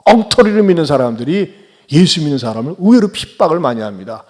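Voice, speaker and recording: A man's voice: sing-song, fast, big-room sound. A man preaching a Sunday sermon as pastor, asking the congregation rhetorical questions and acting out the voices of complainers. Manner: swings between loud emphatic lines and quiet low endings.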